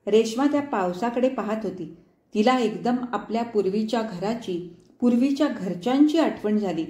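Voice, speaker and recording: A woman storyteller reads a short story aloud in a clear, measured way. Her voice sits fairly high, and the studio recording carries a noticeable roomy echo. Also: animated, warm tone. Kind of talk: read storybook narration.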